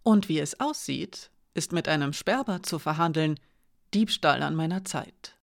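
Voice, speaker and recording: Galima, a sharp shrewd merchant woman, as a reader puts her on. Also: mid-range voice, lively intonation, unhurried, vocal fry, no room sound, clean studio sound. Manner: curt, sharp, then softly solemn. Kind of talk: audiobook character reading.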